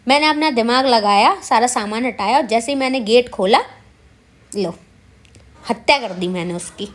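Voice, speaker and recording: A woman's voice: a little high, moderate pace. A woman vlogger narrating her day in a chatty, self-mocking voice-over, speaking straight to her viewers. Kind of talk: casual vlog voice-over.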